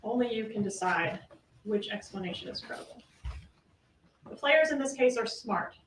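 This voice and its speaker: A woman's voice: fairly high pitch, lively intonation, normal speed. Woman prosecutor, closing argument, pointed questions, roomy and distant courtroom audio with faint noise. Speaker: trial prosecutor. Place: large courtroom. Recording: echoey courtroom audio from far off.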